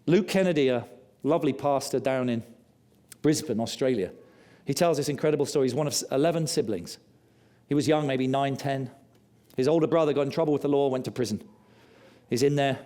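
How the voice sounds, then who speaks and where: A man preaching a sermon, telling stories with passion and dropping low and quiet for confession. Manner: impassioned storytelling, rising loud on key lines.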